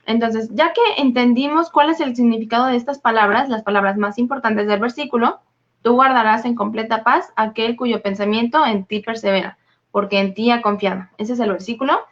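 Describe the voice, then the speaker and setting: Higher-voiced woman teaching a Bible study. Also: brisk. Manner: methodical, listing definitions. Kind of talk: explaining scripture word meanings. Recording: dull lo-fi recording.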